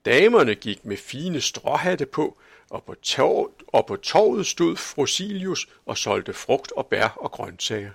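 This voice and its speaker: A man narrating a children's story as an audiobook, reading in a calm, measured storytelling way. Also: medium pitch, vocal fry, no echo, studio quality.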